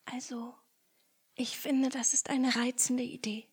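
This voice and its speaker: A woman voicing a timid female rat who talks softly and wistfully. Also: high-pitched, level tone, unhurried, breathy edge. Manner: soft, sighing, wistful.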